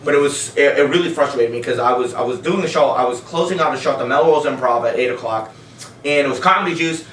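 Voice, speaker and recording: A man's voice: mid-range voice, fast talker, a bit bright. A man, a stand-up comic, telling rambling, profane stories on a casual podcast and often breaking into laughs. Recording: roomy sound from a distance.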